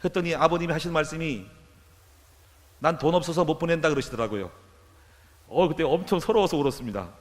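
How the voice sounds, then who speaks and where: An older man delivers an emphatic sermon from the pulpit. His pitch sits high and leaps around. A long reverb trails his words through the church hall. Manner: emphatic preaching, leads congregation in repeated declarations. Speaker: pastor. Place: church sanctuary.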